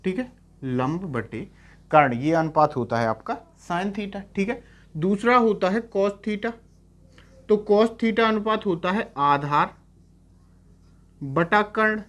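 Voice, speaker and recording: A young man teaching math in a lecture, explaining step by step and often asking "clear?" to check. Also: high voice, slow pace, pauses often, a bit bright. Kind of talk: classroom lecture on trigonometry.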